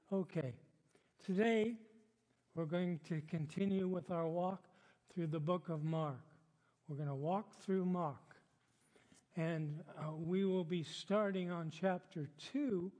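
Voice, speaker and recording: An older man preaches from the pulpit, chatty and easygoing, with frequent fillers and laughs. His voice sits high and his pace is slow and deliberate. Long reverb from the church hall trails behind each phrase. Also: darkish tone. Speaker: pastor. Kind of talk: sermon. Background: congregation responding.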